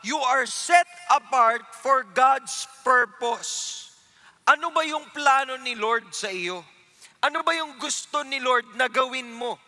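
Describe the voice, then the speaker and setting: A man preaching a youth sermon, telling the story with animated flair and mixing in English phrases. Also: extremely high pitch, takes it slowly, faint music behind. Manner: animated storytelling, acting out crowd voices; switches between Tagalog and English. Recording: long reverb of a large hall.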